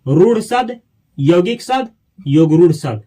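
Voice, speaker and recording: A man teaching a grammar lesson to school students, asking questions and slowly repeating key words. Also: high voice, expressive, warm tone.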